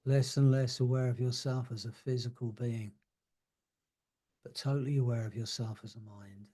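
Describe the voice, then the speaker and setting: Husky, mellow-voiced man guiding hypnosis. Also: mid-range voice, steady tone. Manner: slow, soothing, drawn-out phrasing with soft trailing words. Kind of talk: guided hypnosis relaxation.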